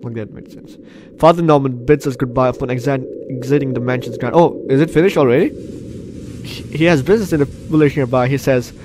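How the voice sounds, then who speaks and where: Background noise accompanies a fairly quick, mid-range male voice. He's the host of a game walkthrough, reading story text aloud and exclaiming in reaction while game music plays behind.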